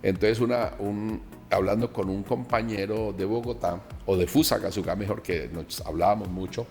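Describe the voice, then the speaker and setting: A lower-pitched man, a pastor from Colombia, tells his testimony and animatedly acts out each exchange. A long reverb hangs behind his voice, with faint music underneath. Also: moderate pace. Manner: animated storyteller acting out dialogue. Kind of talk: recounting a personal testimony.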